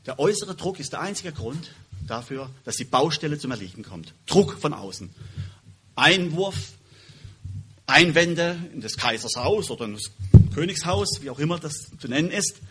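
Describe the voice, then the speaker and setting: Husky bright-voiced man preaching. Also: on the high side, animated, moderate pace. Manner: emphatic, swings between loud stresses and quiet drops; self-correcting, restarts words. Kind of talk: sermon with Bible reading.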